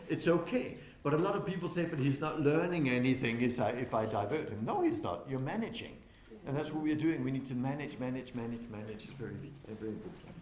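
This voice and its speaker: A man giving a lively conference talk to an audience, who keeps asking them questions and swings from loud to soft on purpose. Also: a little high. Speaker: conference speaker. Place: windowless conference hall. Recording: echoey hall with faint noise.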